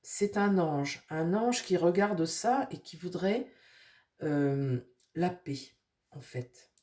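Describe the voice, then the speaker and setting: A woman with a cold who talks through her nose, rambling casually with many fillers while reading tarot for her viewers and speaking softly to her cards. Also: lowish voice, expressive, slow. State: nasal from a cold. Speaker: tarot reader.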